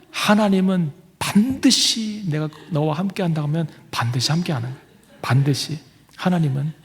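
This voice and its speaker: A man preaching a sermon as pastor, emphatic, questioning his congregation and dropping to hushed whispers for effect. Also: on the high side, long reverb tail. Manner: emphatic, swings from loud declarations to hushed whispers; asks the congregation questions, tells family stories. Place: church.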